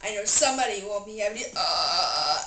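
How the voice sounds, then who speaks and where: A woman's voice: fairly high pitch, lively intonation, moderate pace. A woman play-acting a cartoon comedy scene in an exaggerated, theatrical manner, in an amateur style. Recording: roomy, distant mic with clear noise.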